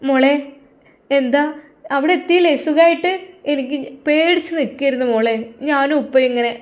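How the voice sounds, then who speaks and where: A woman voicing an older rural mother, giving quick, earnest, preachy advice over the phone. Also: sits high, close to an everyday voice. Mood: earnest advising.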